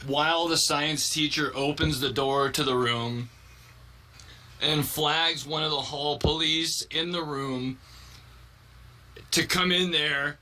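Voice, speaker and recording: A man's voice: fairly high pitch, fairly even intonation, slow, pauses often, bright, forceful tone, a little hiss or hum. Giggling man telling a funny story. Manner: giggling and laughing through the telling. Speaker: video creator. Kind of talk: comic storytelling.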